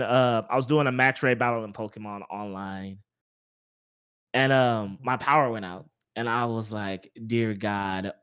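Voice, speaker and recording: A man hosting a casual video game podcast thinks aloud, rambling and repeating his words. His medium-pitched voice is a bit bright, clear, and resonant.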